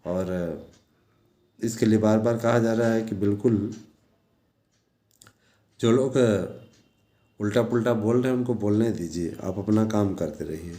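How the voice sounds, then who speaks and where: Guy talking to his followers, repeats himself and urges them on, soft mellow tone, roomy echo. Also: lowish voice, unhurried, pauses often. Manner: repetitive, exhorting, with frequent check-in tags. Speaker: teacher and online news presenter. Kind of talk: informal monologue addressed to followers. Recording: echoey room sound.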